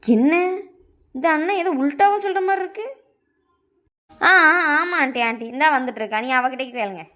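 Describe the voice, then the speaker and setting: A woman's voice: high voice, moderate pace, pauses often, fairly bright tone. A woman acting as a confidante in a family comedy sketch, talking in a teasing, gossipy way.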